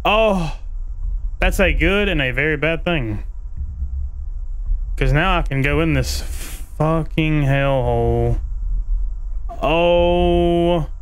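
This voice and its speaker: A man's voice: on the high side, slow, pauses often, clear, resonant tone. A man doing casual live commentary as a scared horror game streamer, muttering uneasy reactions into a desk microphone. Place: indoor streaming room. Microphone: boom microphone at a desk, headphones.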